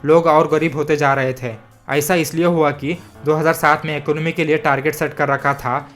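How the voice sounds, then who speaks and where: A man with a slightly raised voice reads a book summary as scripted narration. He speaks in a plain, steady explanatory way and slips in English terms. Soft background music plays behind him. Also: a little high.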